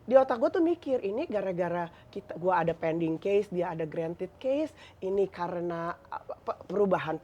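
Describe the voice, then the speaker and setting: A woman from Indonesia telling her story as an interview guest, mixing Indonesian with English in a lively, emotional retelling. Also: fairly low pitch, normal speed, dull audio.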